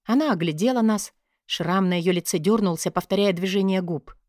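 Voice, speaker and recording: A woman narrates a first-person fantasy story in an even, measured reading voice, her pitch in the middle range. The recording is close and dry, with no room sound. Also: no room sound. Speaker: audiobook narrator.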